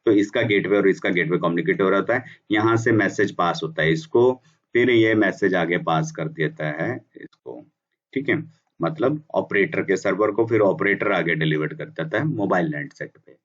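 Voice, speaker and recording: A man with a deep, low voice walks through a technical explanation at an easy teaching pace, sometimes restarting words. He sounds a little distant from the microphone, and the recording is muffled and dull. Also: moderate pace. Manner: explanatory, restarts words, mixes English terms. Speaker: instructor explaining bulk SMS business. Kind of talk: casual whiteboard lesson.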